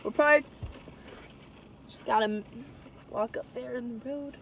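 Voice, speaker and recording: A woman's voice: fairly high pitch, unhurried, gravelly, slight background noise, low-quality recording. A young woman chatting casually and giggling as she hosts her vlog. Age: young adult. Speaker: vlogger. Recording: music playing loudly behind.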